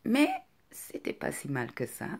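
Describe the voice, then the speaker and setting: A middle-aged woman with a non-native French accent, speaking softly and hesitantly in a confiding personal vlog, often close to a whisper. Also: extremely low pitch, very animated, a little slow, creaky, husky.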